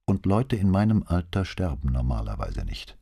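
A man's voice: low voice, wildly swooping pitch, normal speed, gravelly, dark tone, slightly rough, exaggerated voice. A man reading as a young woman army doctor. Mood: quiet.

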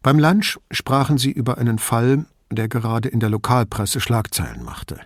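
A man narrates an audiobook in an even, measured read. His voice is mid-pitched, and the recording is dry and close, with no room sound. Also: dry recording.

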